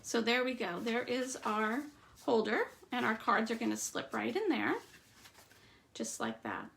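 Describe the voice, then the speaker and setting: A woman giving a live stamping demonstration, chatting through each step and trailing off into quiet asides. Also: a little high, sing-song, unhurried, gravelly. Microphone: streaming setup at a craft table.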